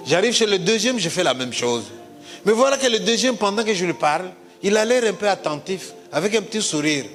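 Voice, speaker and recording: A middle-aged man from Congo, telling a comic story on stage in a lively, theatrical way and switching into other people's voices. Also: sits high, a little fast, big-room sound, soft background music.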